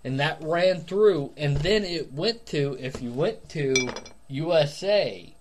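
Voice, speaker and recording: A man's voice: on the high side, lively intonation, slow, background noise. A man co-hosting a podcast in casual chat, crude and joking, arguing back and forth with his partner. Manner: crude, joking, argumentative banter. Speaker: podcast co-host.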